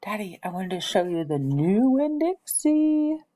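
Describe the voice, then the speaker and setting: A woman's voice: medium pitch, very animated, a little slow, mellow, pitched above the performer's own voice. An eager young girl of ten from a storybook, pleading and earnest, played by a woman reading aloud. The voice lifts a little for her lines. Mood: nervous, pleading.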